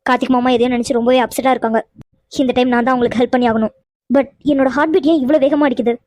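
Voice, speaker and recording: A woman voicing a gentle young cartoon woman who is fond of a man and worried about him, speaking softly. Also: sits high, fairly even intonation, very fast, no echo, pitched below the performer's own voice, natural voice. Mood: tender worry. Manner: soft, musing, affectionate. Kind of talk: cartoon voice acting.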